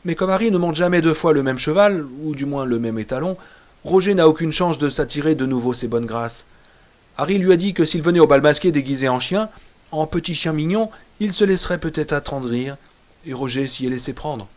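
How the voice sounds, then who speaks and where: A man puts on a gossipy woman from a storybook who flirts while she dances. She confides in a chatty, teasing way. The voice is light and a little high. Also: brisk, darkish tone, natural voice. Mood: gossiping.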